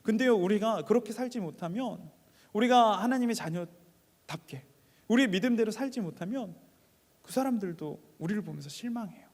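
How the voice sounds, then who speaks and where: A man preaching a sermon in a church, telling a personal story, moving between quiet asides and raised appeals to the congregation. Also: high voice, expressive, normal speed, in a large hall.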